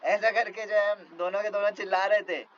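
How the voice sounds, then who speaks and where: A man's voice: high-pitched, fairly even intonation, moderate pace, lo-fi sound, slight background noise. Chuckling man retelling a devotional story. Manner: chuckles often, conversational fillers. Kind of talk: reading a passage then retelling it casually.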